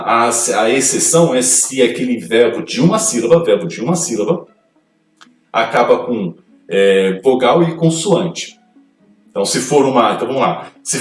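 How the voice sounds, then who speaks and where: A man gives an English grammar lesson, reading out each rule and then walking through it slowly. His voice sits at a middle pitch and comes from some distance off the mic. The room is echoey, with soft music in the background. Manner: explains slowly, reading rules aloud in English then explaining them in Portuguese. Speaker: English teacher.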